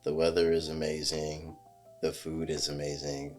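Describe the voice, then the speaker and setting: A man's voice: rumbling low, monotone, normal speed, darkish tone, soft background music. A man from New Jersey hosting a casual conversation in a friendly way, with plenty of fillers. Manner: friendly, fillers, talks it through. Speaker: podcast host. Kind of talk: casual chat.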